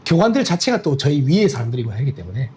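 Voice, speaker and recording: A young man recounting his special forces training days on a podcast. He talks quickly, his pitch rising and falling a lot as he tells the stories, and he breaks into laughter often. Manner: animated storytelling with laughs. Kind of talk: casual podcast chat.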